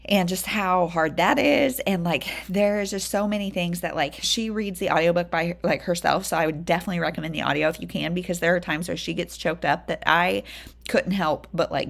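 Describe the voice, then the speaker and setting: A woman's voice: fairly low pitch, vocal fry. A woman in her thirties chatting enthusiastically about books she loves, with lots of fillers. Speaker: book vlogger. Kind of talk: casual book review chat.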